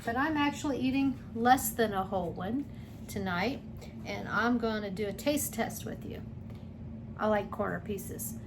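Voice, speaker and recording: A woman's voice: mid-range voice, unhurried. A woman chatting casually to her viewers while cooking in a home kitchen. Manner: chatty, friendly, addresses viewers as guys. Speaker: cooking vlogger. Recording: noisy home recording.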